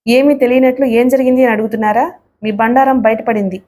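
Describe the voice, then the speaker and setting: A woman's voice: fairly high pitch, steady tone, fast, close to an everyday voice. Woman reading as a bitter, accusing wife. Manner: sharp, scornful.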